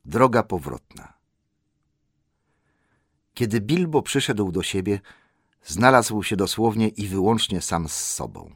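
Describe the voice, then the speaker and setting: Deep-voiced, expressive male storyteller. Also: slow pace, long pauses, slightly rough, no room sound, studio quality. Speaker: audiobook narrator. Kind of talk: scripted narration.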